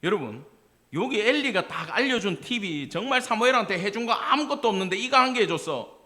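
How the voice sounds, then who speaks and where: A male pastor with a Gyeongsang accent preaches in a church. He talks to the congregation conversationally and keeps putting questions to them. His voice sits a little high and swings widely in pitch. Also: lively intonation, a little fast, sharp tone. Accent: Gyeongsang Korean. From Gyeongsang province, Korea. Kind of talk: sermon. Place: church sanctuary.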